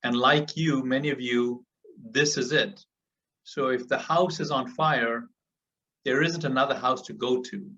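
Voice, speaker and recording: On a group call, a man from Africa gives an earnest motivational speech, hammering his points home through repetition. His mid-range voice is bright and forceful, with fairly even intonation and a measured pace. The call audio is muffled and distant.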